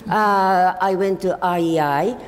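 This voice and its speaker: Speaking slowly in a lowish voice, an older woman presents slides informally at a forum in an echoey meeting hall with faint background noise. Her delivery is halting, full of restarts and fillers.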